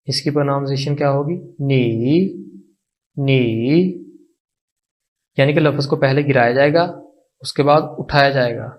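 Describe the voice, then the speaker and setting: A man's voice: mid-range voice, flat delivery. A man with a Pakistani Urdu accent teaching an online language lesson, patient and repeating each word for practice. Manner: slow, patient, repeats words for drill.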